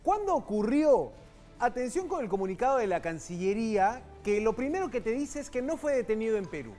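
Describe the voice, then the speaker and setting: Male Peruvian news anchor, brisk and chatty with the viewer, mid-pitched, faint music bed. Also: sing-song, a little mellow. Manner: brisk, conversational, addresses viewer directly. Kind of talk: live news commentary.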